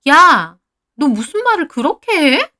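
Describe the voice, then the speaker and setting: A woman's voice: sits high, very animated, unhurried, fairly bright tone, pitched above the performer's own voice, heavily acted. A woman reading a story aloud who voices a jealous, sarcastic female friend in her twenties or thirties, prying into someone's marriage. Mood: defensive.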